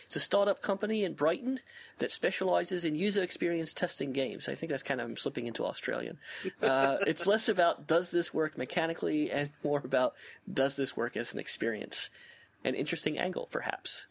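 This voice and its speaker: A man with a gravelly, creaky voice co-hosts a relaxed podcast. He reads out listener comments and chats on, stopping and restarting his sentences. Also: mid-range voice, brisk. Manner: hesitant, many fillers and restarts, chuckles easily. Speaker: podcast co-host. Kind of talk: casual chat, reading listener comments aloud.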